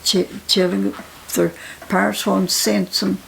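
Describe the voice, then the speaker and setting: A woman in her nineties from Appalachia with a Southern Appalachian accent and an aged, gravelly voice, reminiscing casually in a halting, plain-spoken, repetitive way. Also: mid-range voice, level tone, a little hiss or hum, low-quality recording. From Appalachia, United States. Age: 90s. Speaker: interviewee.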